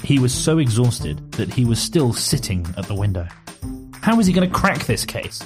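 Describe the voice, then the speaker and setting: This podcast clip has a man reading a silly, generated story to his co-host, his medium-pitched voice very animated and his pace normal. Music plays underneath as he moves from even narration into laughing banter.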